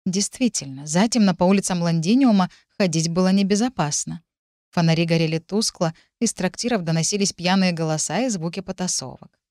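Woman narrating an audiobook, low and dry. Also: dry recording. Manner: even, measured reading. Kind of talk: first-person audiobook narration.

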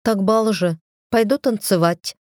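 A woman's voice: mid-range voice, a little slow, a little mellow, no echo, clean studio sound, pitched above the performer's own voice, lightly acted. Lilyen, a woman playing a mocking defiant wife. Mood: teasing. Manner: sarcastic, teasing. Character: defiant sharp-tongued young wife, mocking.

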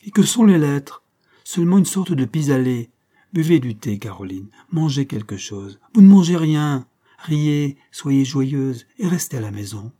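A man's voice: mid-range voice, expressive, measured pace, few pauses, mellow, husky. A man voicing an outspoken young woman in an audiobook, speaking emphatically and with indignation. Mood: indignant.

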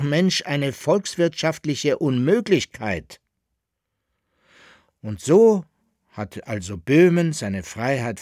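A man voicing an opinionated student tutor in an audiobook, lecturing in a lively, indignant way. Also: mid-range voice, no echo, clean studio sound.

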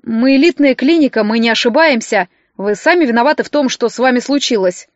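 Lady doing a smug snooty doctor guy in an audiobook, high-ish voice, dull dry sound. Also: fairly quick, no echo, lightly acted. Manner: smug, then shrieking in panic. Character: pompous defensive male clinic doctor, middle-aged.

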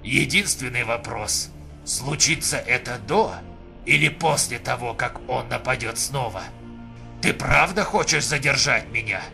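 A male audiobook reader voicing a calm, blunt Neanderthal man, firm and matter-of-fact. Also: mid-range voice, measured pace, vocal fry, soft background music, full character voice. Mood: resolute. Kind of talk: audiobook reading.

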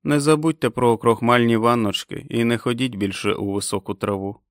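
A man playing a calm, kindly doctor who speaks in a measured, reassuring way. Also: mid-range voice, dry recording, clean studio sound, natural voice.

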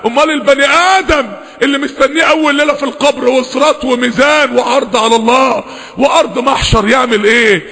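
A man with an Egyptian accent preaching an impassioned sermon, switching between rapid talk and loud, drawn-out recited verses. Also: extremely high pitch, creaky. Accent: Egyptian Arabic. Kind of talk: impassioned Friday-style sermon. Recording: long echoing hall reverb.

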